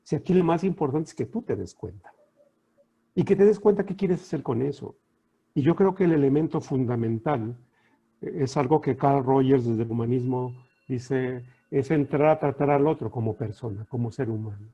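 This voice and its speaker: Husky dark-voiced Mexican man coaching. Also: mid-range voice, normal speed, muffled recording. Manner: calm, reflective, poses rhetorical questions. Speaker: coach giving a talk. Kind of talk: reflective talk to trainees.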